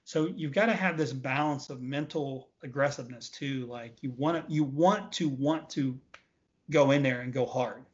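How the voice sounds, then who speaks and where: A veteran bodybuilder in his late forties gives casual, emphatic interview answers, repeating points for stress. He speaks at normal speed with a medium-pitched voice, captured in dull, lo-fi audio.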